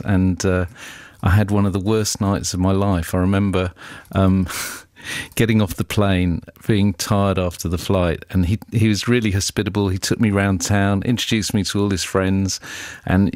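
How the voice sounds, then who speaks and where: Male guest, low voice, chatty anecdotal delivery, dry close mic. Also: a little mellow, no room sound. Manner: chatty storyteller, laughs often. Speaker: record label boss. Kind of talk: radio interview guest, anecdotes.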